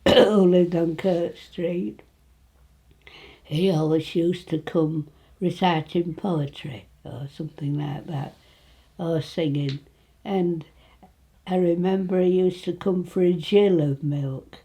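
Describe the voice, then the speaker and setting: A woman in her nineties with an East Midlands English accent, reminiscing informally in a halting way, with phrases that trail off. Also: on the low side, warm tone. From Retford, England. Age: 90s. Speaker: interviewee recalling her life.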